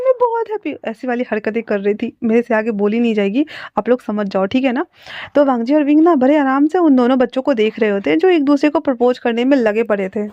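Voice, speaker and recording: A woman's voice: a little high, dry recording. A woman reading a fan fiction story aloud, with chatty, playful asides to her listeners, in a dull lo-fi recording.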